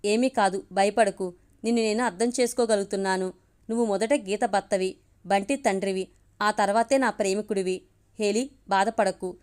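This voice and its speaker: A woman voicing a caring young woman in a storybook reading, gentle and soothing in manner. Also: on the high side, brisk, close to an everyday voice.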